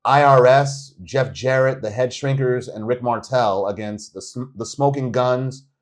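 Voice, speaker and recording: A man co-hosting a podcast, telling wrestling stories in a casual, animated way. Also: mid-range voice, unhurried. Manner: animated storytelling, quotes wrestlers. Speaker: podcast co-host. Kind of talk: casual chat.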